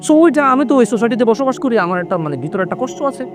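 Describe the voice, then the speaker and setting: A young man preaching a sermon in an animated way, slipping English words into his talk and lowering his voice when he quotes others. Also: fast, music in the background. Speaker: Islamic preacher. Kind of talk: waz sermon.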